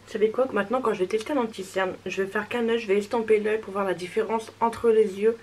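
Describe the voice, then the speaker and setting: A young woman with a medium-pitched voice chats through a makeup test. She is hesitant at times and reassuring. A faint hiss sits under the recording. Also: fairly even intonation, fast talker, darkish tone, low-quality recording. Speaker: beauty vlogger. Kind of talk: casual makeup review.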